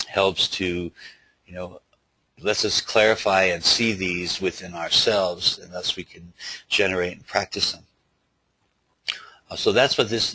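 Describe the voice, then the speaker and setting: A man with a lisp giving an informal spoken teaching in a halting, loosely worded way, as a Buddhist teacher. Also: deep voice, bright, forceful tone, husky, dry recording, rough recording. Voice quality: lisp from dental problems.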